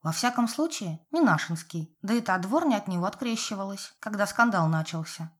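A woman's voice: mid-range voice, lively intonation, fairly quick, breathy edge. A woman voicing an elderly village neighbour, blunt and nosy, in folksy rustic speech, in an audiobook. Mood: gossipy.

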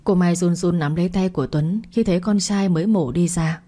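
A woman's voice: on the low side, steady tone, brisk, warm tone. A woman narrating a story in one plain voice, reading all parts herself.

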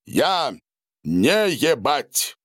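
A man's voice: sing-song, very slow, fairly bright tone, no room sound, studio quality, full character voice. A man doing a weary, stunned doctor. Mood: subdued. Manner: low, subdued muttering.

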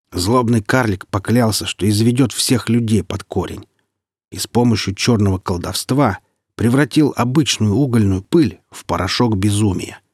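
A man reading the part of a boastful, grim northern warrior who speaks in an unhurried, mocking way. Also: lowish voice, slightly rough, no echo, studio quality.

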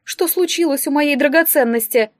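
A woman doing a fussy palace steward, all sugary pet names and patronizing cooing, pitched up high and loud, storybook style. his voice sits bright and a bit raised, like he's fussing over a child. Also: normal speed, no echo, studio quality, close to an everyday voice. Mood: doting. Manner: gushing, patronizing, overly sweet.

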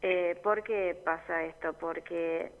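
Here an Argentine neighborhood assembly member talks about her group's work on community radio, earnest and explanatory, using lots of fillers. Her Argentine Spanish comes out slowly, in a voice on the low side with fairly even intonation.

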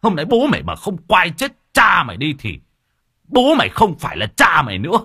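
A man voicing a hot-tempered old village father who rants and yells at his son and wife. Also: on the high side, huge pitch swings, brisk, husky, dry recording, clean studio sound, voice pushed up, heavily acted. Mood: furious. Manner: yelling, ranting.

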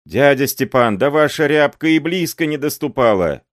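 Guy doing a high loud wailing old man, pleading, dry close sound. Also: lively intonation, normal speed, no room sound, natural voice. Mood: desperate wailing. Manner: shrill pleading wail.

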